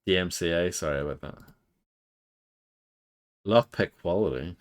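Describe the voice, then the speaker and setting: A man's voice: deep voice, a little slow. A man giving casual gameplay commentary as he plays. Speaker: game streamer. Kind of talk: casual gameplay commentary, reading game text aloud.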